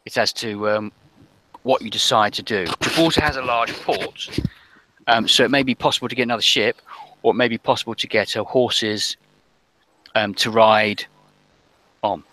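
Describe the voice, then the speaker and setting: A man running a tabletop role-playing game as game master, talking haltingly with many ums and restarts. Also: fairly low pitch, steady tone, bright, forceful tone, dry recording, rough recording.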